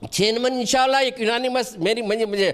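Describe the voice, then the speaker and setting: Brief: middle-aged man, high voice, earnest and defensive, restarts his lines. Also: fairly even intonation, fairly quick, fairly bright tone. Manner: earnest, repeats himself, restarts often; defensive and pleading. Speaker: wakf board member being interviewed. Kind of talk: news interview answers.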